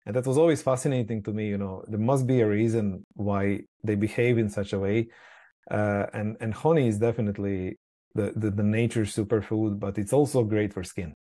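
A man's voice: on the low side, steady tone, brisk, dark tone. A man from Croatia, a company founder being interviewed, talking casually with many repeated words and fillers. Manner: hesitant, frequent word repeats and fillers. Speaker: skincare company founder, guest.

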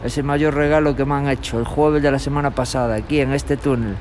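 A young man from Galicia, a street guitarist, talking in a relaxed, rambling way in an outdoor tunnel. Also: medium pitch, fairly quick, a little hiss or hum. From Galicia, Spain. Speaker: street musician. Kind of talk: street interview. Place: tunnel in a city park, outdoors.

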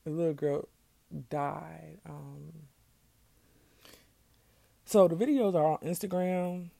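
A young woman talks through her solo podcast in an easy, conversational way, still carrying a groggy morning voice. Her tone is low and mellow with a gravelly edge, and her pace is slow and unhurried. The recording is dry and close. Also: steady tone, no room sound. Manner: chatty, loose and conversational. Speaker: podcast host. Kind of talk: casual solo podcast talk.

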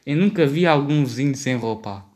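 A man's voice: mid-range voice, lively intonation, fairly quick, a little mellow. A young man with a European Portuguese accent in casual banter with friends, reading out party questions and swearing in slang. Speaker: podcast co-host reading out game questions.

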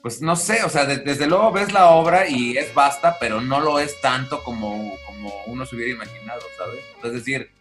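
A man's voice: medium pitch, normal speed, hardly any pauses, a bit bright, faint music behind. A man co-hosting a podcast, discussing a director's films in a reflective, hesitant way with restarts. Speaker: podcast co-host. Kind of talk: casual film discussion.

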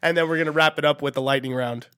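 A man with a Queens New York accent co-hosting a podcast, bantering casually and excitably with lots of slang and swearing. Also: fairly high pitch, very fast, clean tone. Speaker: podcast co-host.

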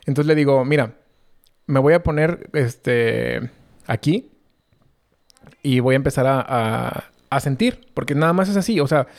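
A man's voice: medium pitch, measured pace, creaky, pauses often. A young man with a Mexican Spanish accent, telling a long story in casual, slangy chat full of fillers. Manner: slangy, rambling, many fillers.

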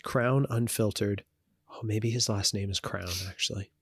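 Casually chatting as a podcast co-host, this man has a fairly low, husky voice with a steady tone and a moderate pace. He rambles, fills pauses with ums, and keeps restarting sentences. The audio is dry and close-miked, without room echo.

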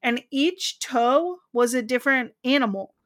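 A woman's voice: sits high, a little slow, fairly bright tone. A young woman co-hosting a podcast, chatting casually and laughing at herself. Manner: chatty, self-mocking, laughs often. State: on crutches. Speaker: podcast co-host. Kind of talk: casual chat.

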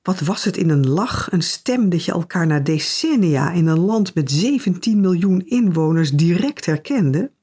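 A woman's voice: on the low side, lively intonation, measured pace, few pauses, dark tone, breathy edge. A woman narrating a novel in the first person, with a dry, wry, understated delivery. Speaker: audiobook narrator.

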